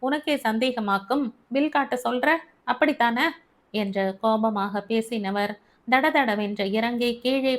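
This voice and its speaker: A woman narrating a first-person short story in a measured, steady reading. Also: mid-range voice.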